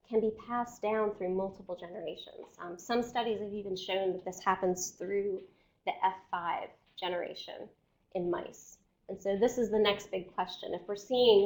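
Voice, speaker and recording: Poor audio captures a woman of medium pitch delivering an academic seminar as a scientist. Her throat-clearing and failing voice interrupt a methodical, stepwise explanation punctuated by frequent check-ins with the audience.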